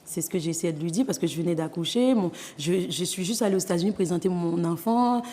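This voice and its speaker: A woman's voice: on the low side, fast, warm tone, big-room sound. A Haitian woman in her thirties with a Haitian accent, speaking earnestly and with many hesitations as an author giving an interview. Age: 30s. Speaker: guest author. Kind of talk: interview testimony.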